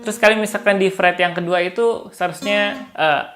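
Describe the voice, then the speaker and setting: A man's voice: sits high, fairly even intonation, fairly quick, a bit bright. Chatty man giving a casual guitar lesson. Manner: chatty, refers to himself in third person, chuckles often. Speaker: guitar tutor and seller.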